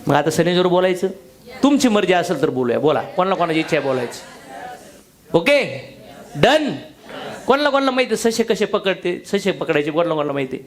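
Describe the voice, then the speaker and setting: A man's voice: high-pitched, expressive, fairly quick. A man giving a motivational business seminar talk to a live audience, blunt and slangy, joking and firing questions at the crowd.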